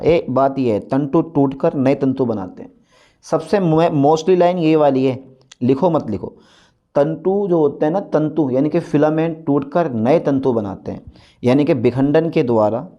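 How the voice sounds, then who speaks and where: A man's voice: a little high, dark tone. Coaxing male teacher, dull recording. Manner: repetitive, coaxing, addresses students directly. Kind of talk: classroom-style lecture.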